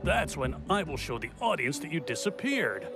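A man's voice: on the high side, big pitch swings, moderate pace, music in the background. An actor playing a magician's eager, flustered male assistant in a cartoon, fretful and placating. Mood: reassuring. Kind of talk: cartoon voice acting.

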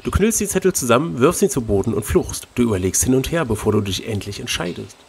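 Acting as host, a man reads an adventure gamebook aloud, moving between expressive narration and casual chat. His voice is medium-pitched and husky with vocal fry, and he talks quickly.

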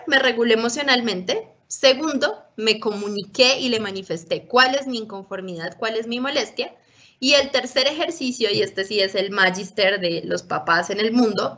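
A woman lectures parents in a workshop, her voice bright and forward. She explains step by step and keeps checking that her listeners follow. The recording is dull and lo-fi. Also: medium pitch. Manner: instructive, often checks in with listeners.

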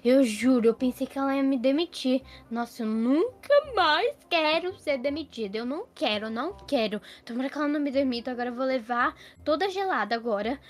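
A woman's voice: high-pitched, lively intonation, fairly quick, few pauses. [name], a woman playing a frantic maid. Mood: panicky. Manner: frantic pleading, fretful self-talk. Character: anxious lazy young housemaid afraid of being fired. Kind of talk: Roblox role-play voicing.

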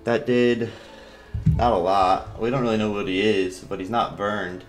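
A man doing casual, halting game commentary in a low-key, rambling way, his speech slightly impeded by a sore, swollen mouth. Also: steady tone. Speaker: gamer commentating an online battle. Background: game music.

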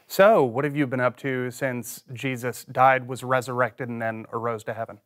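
A woman's voice: very deep voice, fairly even intonation, normal speed. A woman playing a goofy follower in a comic church skit, hammy and drawn out. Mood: chatty.

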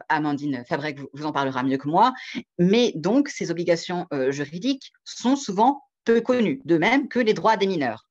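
Hesitant man presenting over a video call. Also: fairly high pitch. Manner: measured, hesitant delivery with frequent pauses. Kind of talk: online conference presentation. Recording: dull lo-fi video call audio.

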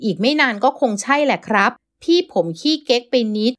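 A woman's voice: fairly high pitch, brisk, a bit bright, close to an everyday voice. A woman voicing a bold, teasing young man in an audiobook. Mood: cheeky. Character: cheeky young man, protective younger brother.

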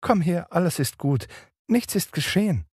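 A man voicing Wendy, a gentle caring older sister, in a soft high voice. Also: lively intonation, takes it slowly, slightly rough, no echo, clean studio sound, full character voice. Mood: comforting.

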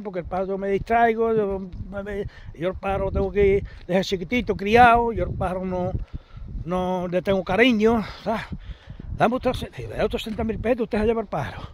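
A man's voice: high voice, fast, a little hiss or hum, pitched above the performer's own voice, natural voice, low-quality recording. A stubborn old bricklayer haggling, as a man puts him on. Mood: insistent. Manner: insistent, repeats himself. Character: stubborn male bricklayer haggling over a bird.

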